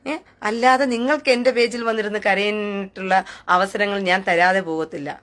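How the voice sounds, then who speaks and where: A woman's voice: medium pitch, steady tone, a little fast, fairly bright tone. A woman hosting a live stream, taunting and scornful, who keeps asking jeering questions. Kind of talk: mocking live rant.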